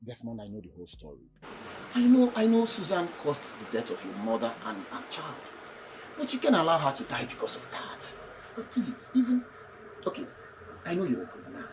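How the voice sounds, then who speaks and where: An earnest man implores in a screen drama with a lively, swinging pitch. He is halting and emphatic, over faint background music. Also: poor audio. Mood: earnest pleading. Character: concerned, earnest male friend pleading for forgiveness. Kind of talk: film drama acting.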